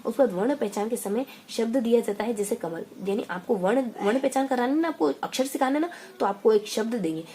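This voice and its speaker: A woman teaching an exam-prep lesson in a chatty way, repeating phrases and throwing in quick asides. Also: fairly high pitch, mellow, a little hiss or hum.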